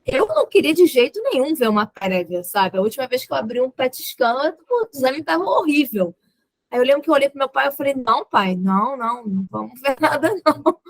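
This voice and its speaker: A woman's voice: high-pitched, no echo, poor audio. A young adult woman with a Brazilian accent, a podcast guest telling a personal story and acting out the dialogue in it. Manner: lively retelling that acts out quoted dialogue, with laughs.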